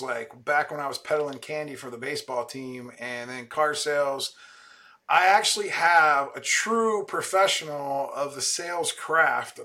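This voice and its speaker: Excited podcast host guy, bright forceful voice, chatty with lots of likes and ums. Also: on the high side. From Ohio, USA. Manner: enthusiastic, chatty, many fillers. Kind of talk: casual interview chat.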